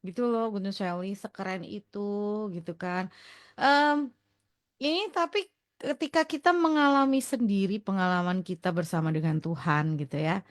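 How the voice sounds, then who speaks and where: A woman's voice: mid-range voice, normal speed, dry recording, studio quality. A woman hosting a radio talk show, affirming her guest and summing up the lesson. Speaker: radio host. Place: radio studio.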